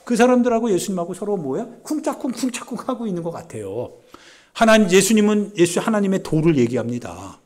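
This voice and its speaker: A man pastor giving a Sunday sermon in a church service, talking conversationally and swinging from loud pleading to hushed asides. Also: high-pitched, very animated, brisk.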